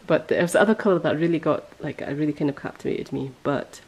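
A woman hosting a podcast in casual chat, rambling and correcting herself as she goes, her voice a little hoarse. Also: low voice, fairly quick, darkish tone, low-quality recording. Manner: chatty, rambling, self-correcting. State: voice going hoarse. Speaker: podcast host.

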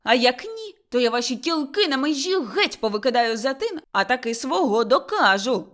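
Woman reader doing a loud scolding village wife, high and shrill, pitch all over the place. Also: sing-song, moderate pace. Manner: shouting, scolding. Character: quarrelsome young village wife, shrill and combative.

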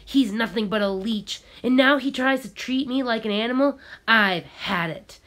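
A woman's voice: lowish voice, slow pace, a bit bright. A woman reading aloud, voicing a proud male farmworker who speaks defiantly in a storybook. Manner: defiant, impassioned.

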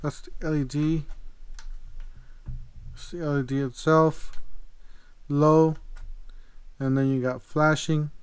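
A man's voice: a little high, clean tone, no echo. A man casually reviewing a product at his desk, thinking aloud with fillers as he handles it. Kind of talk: casual unboxing commentary. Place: desk at home, later kitchen and outdoors at night.

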